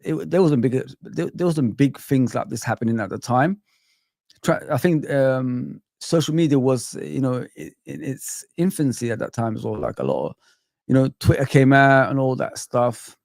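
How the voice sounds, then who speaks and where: A man from Saudi Arabia co-hosting a casual football chat stream, talking in an animated, emphatic way and repeating himself. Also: medium pitch, normal speed, creaky, no room sound, studio quality. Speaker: co-host.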